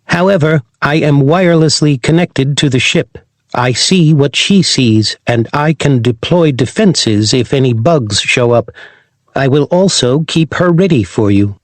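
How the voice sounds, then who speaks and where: A man's voice: medium pitch, lively intonation, unhurried, no room sound, pitched above the performer's own voice, close to an everyday voice. A man voicing a male robot corgi who talks in a formal, precise way and mocks his crewmates.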